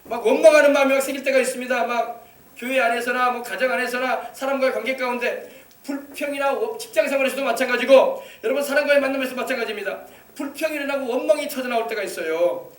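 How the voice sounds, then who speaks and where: A male pastor preaches emphatically in a church sanctuary, urging on his congregation with rhetorical questions. He speaks fast in a very high-pitched voice, picked up by a distant mic in an echoey hall.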